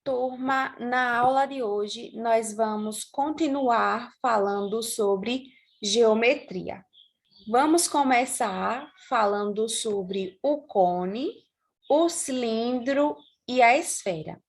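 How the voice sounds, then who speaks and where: A woman with a Brazilian accent addresses her class in a remote lesson. Her voice sits a little high, and she talks slowly and clearly. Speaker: teacher.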